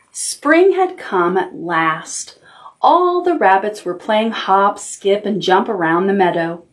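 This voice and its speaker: A woman with a mid-range voice hosts a toddler storytime as a children's librarian. She reads aloud expressively, using simple language aimed at children and adding little asides.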